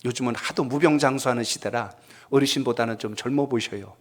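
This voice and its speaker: Casting: middle-aged male pastor, mid-pitched, storytelling sermon voice that asks the pews questions. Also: a little fast. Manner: storytelling, asking the congregation questions.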